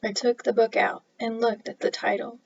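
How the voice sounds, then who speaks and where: A woman, an author, reading her own mystery story aloud in a playful, animated way. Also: a little high, moderate pace, creaky, breathy edge. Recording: dull lo-fi recording.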